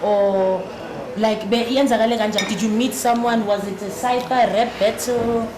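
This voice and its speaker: A South African woman hosting a podcast interview, lively, mixing Zulu words into her English questions. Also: a little high, normal speed. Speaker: podcast host. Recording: echoey room with background noise.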